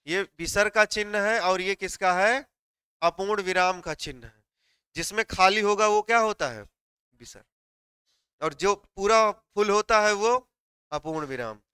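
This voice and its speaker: A man teaching a live online class, who explains step by step, puts questions to his students and dictates notes slowly word by word. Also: sits high, pushed and bright, clean tone, dry recording, clean studio sound.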